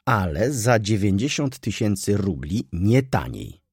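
A man's voice: on the low side, very animated, a little slow, a little mellow, slightly rough, no echo, clean studio sound, exaggerated voice. A man reading an audiobook and voicing a reserved merchant who answers curtly and offhandedly. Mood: offhand. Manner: curt, offhand. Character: reserved, curt middle-aged male merchant.

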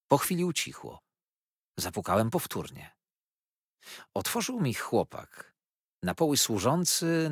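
A man narrating a novel in a measured, storytelling reading. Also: fairly low pitch, husky, no echo, clean studio sound. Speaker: audiobook narrator. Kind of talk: scripted literary narration.

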